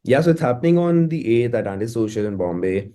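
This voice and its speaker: Speaking fast and expressively, an Indian-accented musician chats informally in an interview with a warm, mid-range voice. Words often come out repeated, stammered, as his ideas form.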